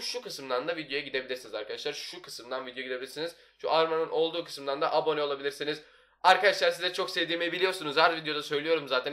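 A young man hosts a gaming video in a casual, talkative way. His voice sits a little high for a man and has a bright, forceful edge. He keeps up a running commentary as he plays. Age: young adult. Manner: chatty, talks nonstop. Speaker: YouTuber, gaming video host. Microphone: desktop microphone.

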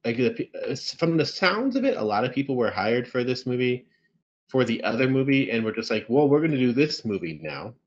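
A man with an average pitch trades dry, sarcastic remarks during a casual film review chat. His voice comes through a video call with slightly muffled sound. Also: very animated, a little fast, slightly rough. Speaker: podcast co-host reviewing films.

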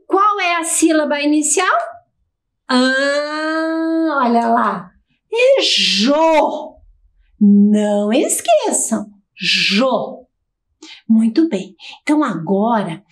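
Brazilian woman teacher for a kids' TV lesson, high and lively, slow and encouraging. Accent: Brazilian Portuguese. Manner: slow, sing-song, encouraging and explaining. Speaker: primary school teacher. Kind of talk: televised children's lesson.

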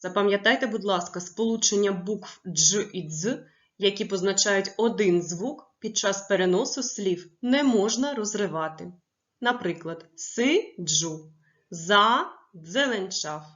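A woman teaching a primary school lesson, stressing each word slowly and clearly for young pupils. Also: mid-range voice, lo-fi sound. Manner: slow, clearly stressed dictation of words.

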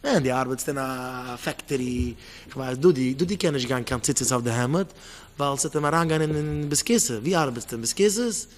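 A man's voice: medium pitch, fairly quick. A man preaching with pointed questions. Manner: repeats pointed rhetorical questions, mixes in English words. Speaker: rabbi giving a Torah talk.

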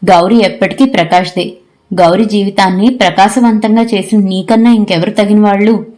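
A woman reading out a frank, teasing young man in an audio story, in a calm, explaining manner. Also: mid-range voice, normal speed, close to an everyday voice.

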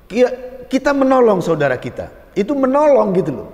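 Preacher, male, high voice, playful and animated delivery, long reverb of a hall. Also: moderate pace. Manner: lively, joking, acts out little dialogues. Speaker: Islamic preacher. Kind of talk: religious lecture.

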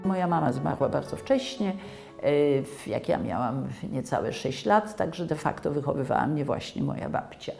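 Low, creaky older woman. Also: animated, normal speed, music in the background. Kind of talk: documentary interview reminiscence. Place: quiet living room at a table.

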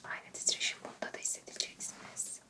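A woman whispering through a roleplayed medical exam, giving slow, gentle step-by-step instructions. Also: distant mic. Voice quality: soft whispering. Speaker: doctor roleplay.

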